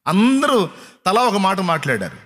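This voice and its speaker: A man with a notably high-pitched voice preaches a sermon. He drives each point home through repetition and keeps throwing pointed rhetorical questions at the congregation. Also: huge pitch swings, moderate pace, fairly bright tone. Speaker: pastor.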